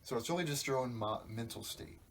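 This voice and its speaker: Speaking briskly in a mid-range voice, this twenty-something podcast host wanders through reflective thoughts and swears without restraint. It's a casual monologue.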